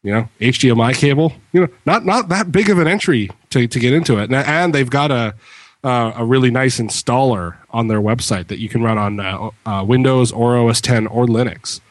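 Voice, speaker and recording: A man's voice: mid-range voice, a little fast, no echo. A man chatting casually about tech as a podcast co-host, in an informal, talkative way. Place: room with bare walls, slightly reverberant.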